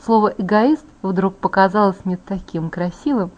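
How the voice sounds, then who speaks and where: A woman narrating a first-person audiobook in a calm, even storytelling voice. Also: medium pitch, moderate pace, muffled recording.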